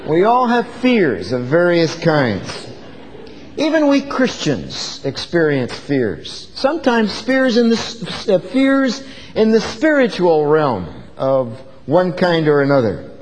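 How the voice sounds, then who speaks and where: A man delivers an earnest, conversational sermon, pressing his listeners with rhetorical questions. His voice sits high and moves a lot in pitch. A long reverb trails behind him, as in a big hall. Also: huge pitch swings, slow pace, slight background noise. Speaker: pastor.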